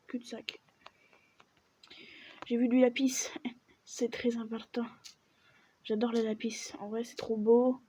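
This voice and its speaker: With a breathy edge to her somewhat high voice, a gaming video creator talks slowly with long pauses through casual let's-play commentary, muttering to herself and often nearly whispering. A dull lo-fi mic picks her up along with constant background noise.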